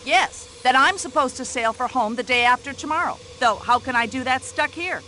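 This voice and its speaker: An actress playing a pushy, talkative middle-aged American widow who complains indignantly, with an American accent. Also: female voice, sits high, normal speed, pushed and bright, a little hiss or hum, rough recording. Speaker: witness in a radio-style drama.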